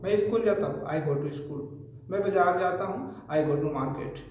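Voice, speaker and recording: Echoey high-voiced male English teacher. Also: a little slow, a little mellow. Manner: patient, repetitive drilling of example sentences. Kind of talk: spoken English grammar lesson. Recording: very echoey room.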